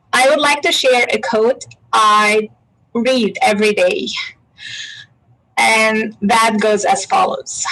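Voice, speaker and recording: A woman hosting an online panel, reading out a guest introduction in a measured way. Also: a little high, fairly bright tone, rough recording. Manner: measured, reads quotes slowly.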